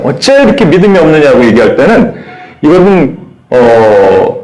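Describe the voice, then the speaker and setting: A man preaching with animated energy, slipping into little acted-out voices as he quotes. His voice sits slightly high and swings widely in pitch. The room around him rings with echo. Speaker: pastor. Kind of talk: sermon.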